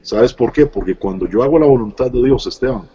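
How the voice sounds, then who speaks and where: A man's voice: medium pitch, lively intonation, a little fast, mellow, husky, muffled recording. A middle-aged man, a pastor giving his personal testimony in an interview, speaking earnestly and reflectively with many hesitant fillers. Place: Costa Rica.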